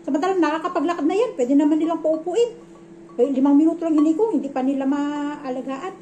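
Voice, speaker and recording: A woman's voice: sits high, a little fast, soft background music, pitched above the performer's own voice, natural voice. Woman retelling as an angry ranting young mother. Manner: loud, exasperated complaining.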